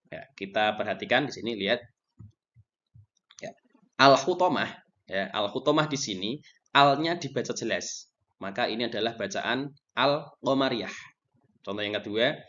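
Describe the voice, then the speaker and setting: A man's voice: on the low side, sharp tone. Man patiently teaching, dull lo-fi sound. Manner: patient, repetitive explaining with frequent "ya". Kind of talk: Quran recitation lesson. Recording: dull lo-fi recording.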